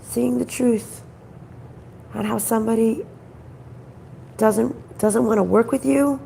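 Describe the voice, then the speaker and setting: A woman gives an intuitive card reading in a groggy, gravelly voice that sounds off from throat trouble. She speaks conversationally and haltingly, circling back over phrases and asking questions. There is faint noise in the background. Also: on the high side, fairly even intonation, dark tone, low-quality recording. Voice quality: groggy, croaky voice. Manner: halting, repeats phrases, asks rhetorical questions. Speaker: spiritual card reader, host.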